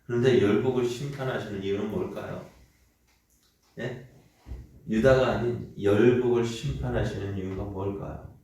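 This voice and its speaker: A man's voice: fairly low pitch, steady tone, normal speed, long pauses, slight background noise. A man pastor giving an early morning sermon in a conversational way, often asking the congregation questions. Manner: acts out quoted parents with shouted lines. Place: church sanctuary. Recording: very echoey room, mic at a distance.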